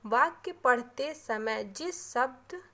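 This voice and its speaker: A woman teaching a grammar lesson, repeating key terms slowly and checking in with frequent tag questions. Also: fairly high pitch, animated, a bit bright.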